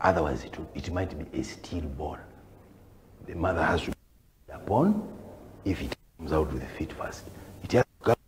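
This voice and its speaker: A man preaching a religious lecture, swinging from loud proclamations to hushed whispers. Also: rumbling low, lively intonation, normal speed, pauses often, long reverb tail, noisy background. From Uganda. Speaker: Islamic preacher.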